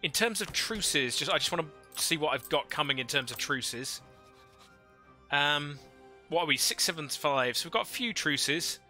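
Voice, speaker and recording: A man's voice: a little high, animated, normal speed, bright, forceful tone, faint music behind. A man livestreaming a strategy game into a headset mic, thinking aloud and chatting with viewers. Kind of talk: casual live gameplay commentary.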